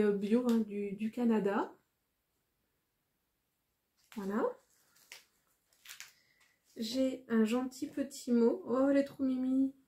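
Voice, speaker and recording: A woman from France vlogging casually as she unboxes a parcel, talking in a hesitant, rambling way with frequent pauses. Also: fairly high pitch, mellow.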